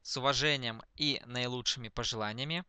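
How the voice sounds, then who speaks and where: A man dictating text slowly to speech recognition, speaking each punctuation mark aloud, word by word. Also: mid-range voice, sharp tone, clear, resonant tone, no room sound. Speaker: dictation demonstrator.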